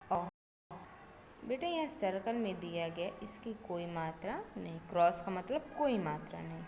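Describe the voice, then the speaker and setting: A woman's voice: on the low side, lively intonation, moderate pace, darkish tone. A woman teaching young children a Hindi lesson, repeating each phrase and spelling words out letter by letter, dropping in English words like "okay". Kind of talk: slow primary-school Hindi lesson. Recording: reverberant room with faint background noise.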